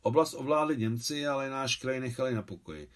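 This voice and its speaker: A man reading his own translation of a novel aloud, narration and dialogue in one voice, in literary audiobook style. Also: medium pitch.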